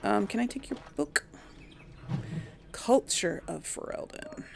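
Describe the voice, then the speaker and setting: Her voice is medium-pitched, expressive, creaky, and slow. As host of a role-play gaming video, she offers casual, chatty musings and reads aloud the dialogue options, blending commentary with in-character speech.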